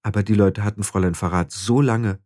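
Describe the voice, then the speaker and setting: A man's voice: on the low side, steady tone, brisk, a little mellow, natural voice. A man reading the part of a modest young witch girl who hesitates and hedges. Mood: hesitant. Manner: hesitant, fillers.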